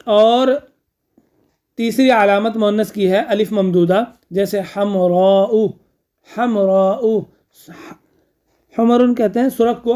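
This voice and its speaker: A teacher explains grammar rules in a steady classroom lecture. Key terms are said twice. The teacher asks the class a question, then answers it, and often checks in with a quick filler. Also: mid-range voice.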